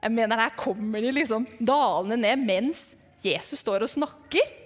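A woman telling a Bible story to children as if she had seen it, lively and dramatic, dropping to hushed whispers for suspense. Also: fairly high pitch. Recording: long hall reverb.

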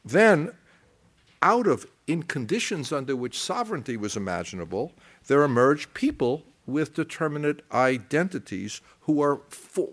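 Delivering a university-style lecture, a medium-pitched man wanders and hesitates, stumbling into restarts as he loops back over points. He puts pointed emphasis on key phrases.

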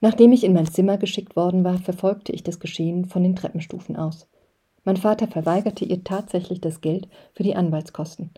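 A woman reading an audiobook aloud in calm, measured first-person narration. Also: fairly low pitch, husky. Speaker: reader.

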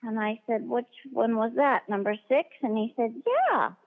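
A woman voice actress being interviewed, telling stories in a chatty, animated way and acting out the dialogue she quotes. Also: fairly high pitch, moderate pace. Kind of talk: casual interview anecdotes. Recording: tinny phone-line sound in a long reverb.

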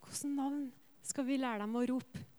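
Smooth-voiced woman preaching a sermon. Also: high-pitched. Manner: earnest, lively storytelling with personal anecdotes; rhetorical questions to the congregation. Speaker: preacher and worship leader.

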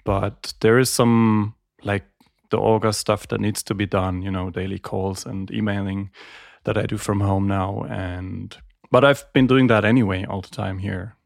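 A man from Germany speaking as an audio engineer guest in an interview, calm and measured, pausing with ums. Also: fairly low pitch, vocal fry, no room sound, studio quality. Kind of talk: casual interview talk.

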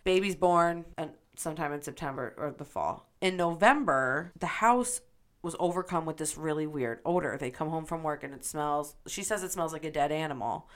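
Woman from upstate New York, lowish voice, profane and animated podcast storyteller. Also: moderate pace. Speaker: podcast co-host. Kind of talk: casual storytelling.

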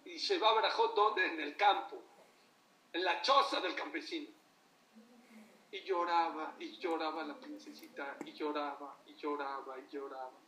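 High-voiced man preaching. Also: moderate pace, slight background noise. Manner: animated storytelling, asks the audience questions. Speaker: religious teacher. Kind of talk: sermon. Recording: echoey room from far off.

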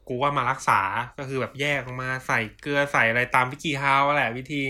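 A man's voice: medium pitch, little pitch movement, fast talker, sharp tone. A young man hosting a casual chat among friends, joking with crude slang and mock-formal sign-offs. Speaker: podcast host.

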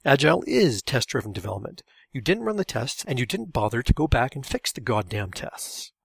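A man's voice: mid-range voice, very animated, a little fast, creaky, husky, dry recording, heavily acted. A man voicing an angry, meticulous male programmer who speaks indignantly and emphatically. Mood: furious.

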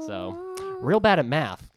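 Jokey man with a New England accent. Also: very high voice. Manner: jokey, wandering asides. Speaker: podcast co-host. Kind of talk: casual chat, reading book blurbs.

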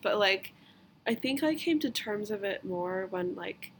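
A young American woman in her twenties hosts a casual podcast chat, loose and chatty and saying "like" constantly. Her medium-pitched voice is expressive and measured in pace, with slight background noise.

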